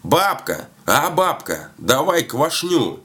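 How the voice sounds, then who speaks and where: A man voicing a patient, worn-out old peasant man in a folk tale, shouting and exasperated. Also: mid-range voice, expressive, normal speed, pitched above the performer's own voice, natural voice. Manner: shouting across the yard, exasperated.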